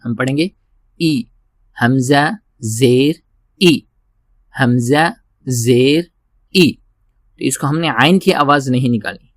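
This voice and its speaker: A patient male teacher explains recitation at a measured pace and a middling pitch. He repeats each word several times and lifts into long, drawn-out chanted lines. The recording is close and dry. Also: dry recording. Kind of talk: step-by-step recitation lesson.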